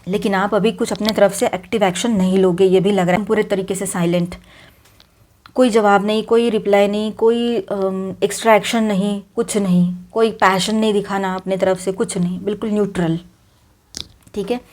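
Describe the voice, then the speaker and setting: In a medium-pitched, darkish voice with fairly even intonation, a Hindi-accented woman talks her viewers through their tarot cards at a moderate pace. Her manner is casual and conversational, full of fillers, English words mixed into Hindi, and frequent restarts.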